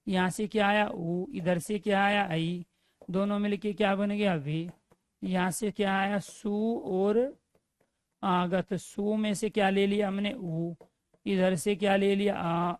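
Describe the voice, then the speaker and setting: Slow teacher drilling grammar questions. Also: female voice, mid-range voice, steady tone, no room sound. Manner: slow, drilling questions and answering them herself. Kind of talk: classroom grammar lesson.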